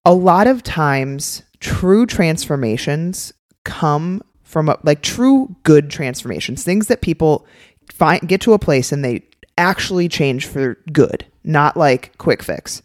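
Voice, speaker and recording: A woman's voice: low voice, animated, slow pace, a little mellow, no room sound, studio quality. A woman co-hosting a nutrition podcast in casual, ad-lib talk. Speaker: podcast co-host, nutrition educator.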